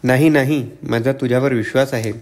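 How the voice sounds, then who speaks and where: Audiobook old dad, nervy and begging, sly, man doing it mid pitch. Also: steady tone, normal speed, a little mellow, lightly acted. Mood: anxious pleading. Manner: pleading, repetitive. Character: old father, fearful, wheedling, sly.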